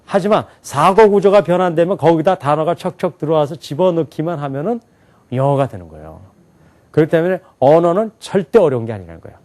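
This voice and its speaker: Male lecturer, lively rising and falling delivery, quizzes the room. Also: fairly high pitch. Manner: animated, asks the class questions and answers them himself. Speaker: English teacher. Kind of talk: lecture to a live class.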